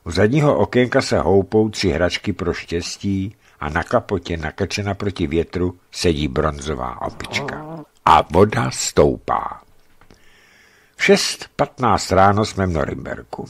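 Male narrator, deep voice, animated delivery, studio reading of a travel memoir. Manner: lively, voices dialogue with raised pitch. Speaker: reader.

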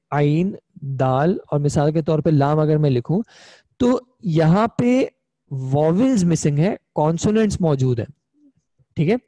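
Fairly high in pitch and warm, with no room sound, a young man's voice guides an online Arabic grammar class. He stays patient, explains one step at a time, and checks in often with a quick "ठीक है?".

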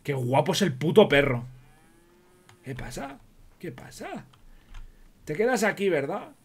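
A man's voice: fairly high pitch, sing-song, unhurried. A man with a Spain Spanish accent doing in-character game role-play commentary, joking, swearing, talking to himself and cooing at animals. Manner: jokey, swears a lot, talks to himself and coos at animals. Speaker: roleplay streamer.

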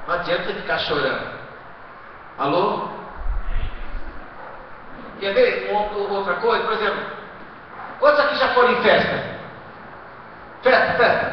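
A man preaching a sermon to his congregation, asking rhetorical questions and swinging between quiet asides and loud exhortation. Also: high-pitched, a little hiss or hum. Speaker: pastor. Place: church hall. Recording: echoey hall, distant muffled live stream.

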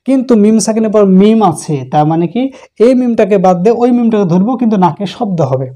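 A man with a mellow, warm tone gives a recitation lesson. He is patient and explains each letter's sound step by step. He often repeats the sounds slowly before moving on. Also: high-pitched, expressive. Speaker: Quran recitation teacher.

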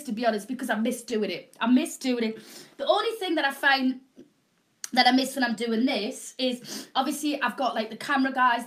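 Woman, Northern English accent, higher-pitched, home shopping host, chatty rambling sales patter, bunged up with a cold, camera mic in a small room. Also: fairly bright tone. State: snotty with a cold, coughing. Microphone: camera mic at a short distance, no proper mic.

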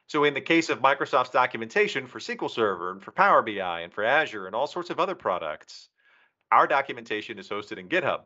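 Bright and forceful, at a medium pitch, a member of a documentation team presents technical content to a user group via online video call. He's indoors, using a video call microphone, and the audio comes through slightly dull.

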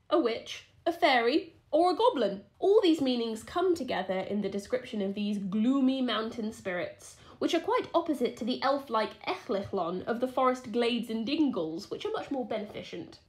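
A woman's voice: fairly high pitch, moderate pace. A woman co-hosting a podcast, reading a folklore story with playful asides. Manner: lively, playful, giggly asides. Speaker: podcast co-host.

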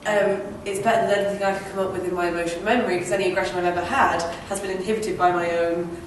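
A woman's voice: lowish voice, level tone, rapid-fire. A woman talking casually in a group discussion at an acting class in a studio room. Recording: very echoey, distant mic, noisy room.

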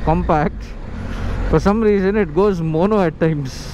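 Male motovlogger, slightly high voice, rambling talk through a helmet mic, heavy wind roar. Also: a little slow. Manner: chatty, rambling, thinking aloud. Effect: talking through a helmet mic while riding. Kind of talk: casual riding commentary. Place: on a motorbike on city roads, outdoors. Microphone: helmet-mounted mic. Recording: loud wind and road noise in a helmet mic.

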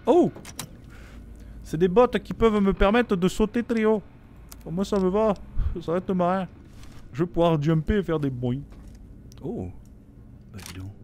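A man's voice: sits high, animated, measured pace, pauses often, a little mellow, a little hiss or hum. A man giving casual let's-play commentary, joking, swearing and reading game text aloud. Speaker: gameplay commentator. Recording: faint game music behind.

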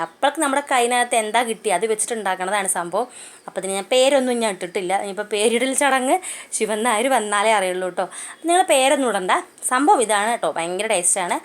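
A fast-talking woman with a Malayali accent walks viewers through a home recipe in a chatty, homely way, sprinkling friendly asides through her steps. Her voice sits at a middle pitch, and she is recorded on a phone in her home kitchen. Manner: chatty, homely, keeps adding "kettō" asides. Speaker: cooking channel host. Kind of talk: casual cooking vlog narration.

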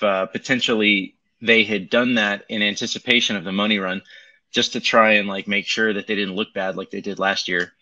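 A man's voice: on the low side, pushed and bright. Man on a tinny Bluetooth mic. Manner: loose, rambling, lots of ums. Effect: tinny Bluetooth mic sound. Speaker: crypto market commentator. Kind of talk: casual livestream chart talk. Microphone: Bluetooth headset.

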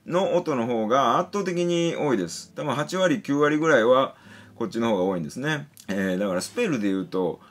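A man giving a casual pronunciation lesson, patiently explaining and slowly sounding out example syllables and words. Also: mid-range voice, animated. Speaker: English pronunciation teacher.

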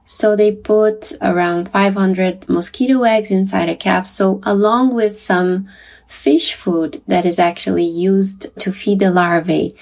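A woman's voice: medium pitch, a little mellow. A woman journalist telling a podcast host about her visit to a facility, chatty, with light laughs and small restarts. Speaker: science journalist reporting from a visit. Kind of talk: conversational podcast interview.

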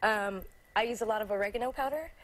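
A woman's voice: fairly high pitch, quick pace, fairly bright tone, low-quality recording. A woman in her thirties, a guest chef, talking through a live cooking demo on a TV studio set. She is chatty and hesitant, with many fillers and restarts. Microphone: lapel mic.

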